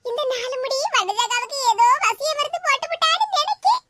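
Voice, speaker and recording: A woman with a Tirunelveli Tamil accent voicing a dramatic, aggrieved village housewife in a cartoon, with sped-up, high voice. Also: big pitch swings, a little fast, sharp tone, exaggerated voice. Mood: gossiping. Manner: wailing, self-pitying complaints mixed with gossip. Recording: noisy with clicks.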